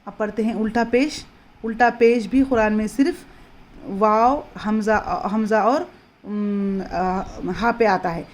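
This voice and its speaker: A woman teaching Quran reading in a patient, explanatory way, repeating words slowly and drawing them out. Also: mid-range voice. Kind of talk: slow explanatory lesson.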